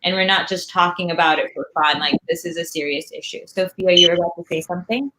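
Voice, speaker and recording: A woman's voice: on the low side, fast talker, pushed and bright, a little hiss or hum. A young woman moderating a panel, speaking in a supportive, conversational way. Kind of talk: casual panel discussion.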